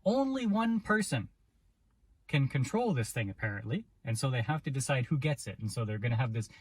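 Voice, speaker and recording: A man's voice: mid-range voice, very animated, brisk, husky, no room sound. A man co-hosting a casual movie review chat, telling the story in a loose, rambling way. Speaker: podcast co-host.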